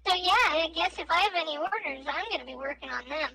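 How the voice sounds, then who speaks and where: A woman playing in a casual tabletop game chat, playful and quick with jokes. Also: extremely high pitch, expressive, creaky, pushed and bright, poor audio. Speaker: player. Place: home streaming setup.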